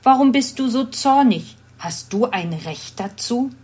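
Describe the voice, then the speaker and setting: Storybook God, stern yet merciful, read by a woman, measured and slow. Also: a little high, lively intonation, darkish tone, breathy edge, pitched above the performer's own voice. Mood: solemn. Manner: slow, solemn read-aloud delivery. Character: God, a stern but forgiving divine voice.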